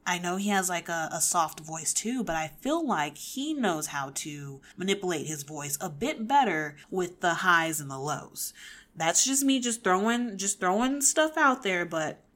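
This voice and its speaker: A woman's voice: on the low side, animated, measured pace, a bit bright. A woman in her twenties hosting a podcast, giving casual pop-culture opinions in an emphatic, opinionated way with frequent restarts. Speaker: podcast host.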